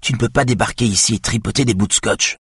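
A man reading an audiobook, voicing a furious young woman detective who shouts and swears. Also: fairly low pitch, fast, slightly rough, no room sound, studio quality, pitched above the performer's own voice, heavily acted.

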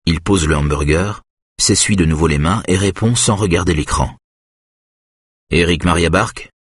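A man reading a thriller audiobook in a measured, steady present-tense narration. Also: low-pitched, breathy edge, no echo, studio quality.

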